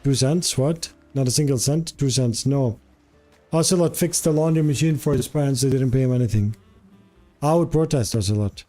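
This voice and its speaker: Jordanian man streaming with mellow voice. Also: medium pitch, moderate pace, faint music behind. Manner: playful, boastful banter switching between English and Arabic. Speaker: game streamer. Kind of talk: casual live-stream chat.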